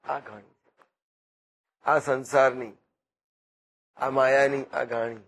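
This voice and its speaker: Male spiritual speaker, husky, unhurried parable-telling sermon style. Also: medium pitch, little pitch movement, a bit bright. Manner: slow, repetitive parables with quoted dialogue. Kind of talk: devotional discourse.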